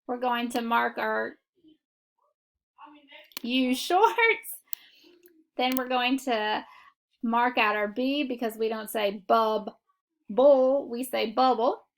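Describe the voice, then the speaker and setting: A woman teaching a phonics lesson, walking through syllable marking step by step in a deliberate classroom manner. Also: on the high side, vocal fry. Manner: slow, deliberate classroom instruction. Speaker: reading teacher.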